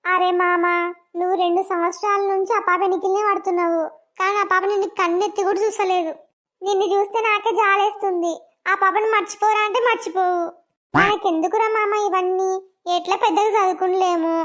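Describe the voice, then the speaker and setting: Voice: extremely high pitch, fairly even intonation, fairly quick, fairly bright tone. A voice actor playing a blunt, teasing young village friend in a cartoon, with a Telangana accent. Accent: Telangana Telugu.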